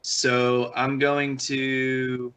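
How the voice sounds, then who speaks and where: A man's voice: medium pitch, completely flat delivery, drawn-out words, a bit bright, smooth, rough recording. A man playing in a tabletop game, thinking aloud as he picks his moves. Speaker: player. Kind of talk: casual game chat.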